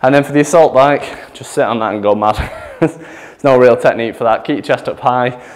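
A man's voice: mid-range voice, normal speed. A man, out of breath, demonstrating gym exercises as a chatty fitness coach who laughs at himself. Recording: echoey gym with long reverb.

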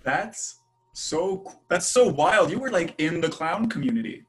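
A man's voice: on the high side, expressive, a little slow, slightly rough. A man hosting an interview, reacting to his guest with short, encouraging interjections. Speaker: podcast host.

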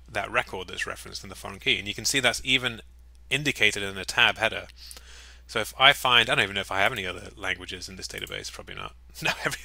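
A man with a lowish voice talks through a software demo in a relaxed, jokey way, as if recording his screen at his desk. His tone is very bright and forward. The sound is close and dry, with faint mouse clicks under his voice. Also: creaky, dry recording. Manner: upbeat, chatty, jokey asides. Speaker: software walkthrough presenter.

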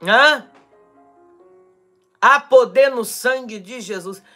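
A Brazilian pastor preaching a charismatic live-stream sermon with prophecy, fervent and shouting, then dropping to quiet asides, his throat strained from shouting. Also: very high voice, very slow, soft background music. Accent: Brazilian Portuguese. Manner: fervent, shouting, swings between loud cries and quiet asides.

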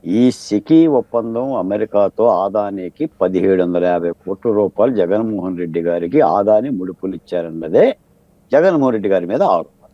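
A man's voice: on the low side, animated, normal speed, dry recording, highs cut off. A man speaking as a political analyst in a televised debate, arguing his case with a stream of rhetorical questions. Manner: argumentative, fires rhetorical questions. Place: TV studio debate set.

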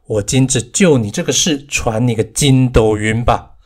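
A man's voice: medium pitch, normal speed, natural voice. A man voicing a stern, commanding old male Taoist master in an audiobook, scolding his disciples. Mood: instructive.

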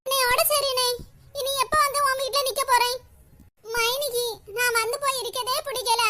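Woman doing a shrill spiteful sister-in-law. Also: level tone, moderate pace, a little hiss or hum. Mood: sulking. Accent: Kanyakumari Tamil. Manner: complaining, sharp-tongued. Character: spiteful young sister-in-law, scheming and whiny. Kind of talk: cartoon voice acting.

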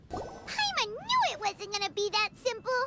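A woman voicing a tiny floating female fairy companion in a video game, with high, bouncy, childlike chatter. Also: huge pitch swings, takes it slowly, music in the background, full character voice. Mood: worried.

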